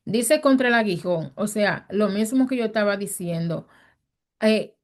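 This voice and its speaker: A woman's voice: medium pitch, expressive, unhurried. A woman teaching a Bible study in a conversational sermon style, earnest and emphatic. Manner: earnest and emphatic, acts out quoted speech.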